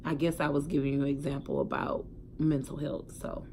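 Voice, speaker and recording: Low-voiced woman vlogging frankly to her phone. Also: level tone, a little fast, slight background noise. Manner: candid, emphatic, swears freely, swings between loud outbursts and quiet reflection. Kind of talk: casual personal storytelling to a phone camera.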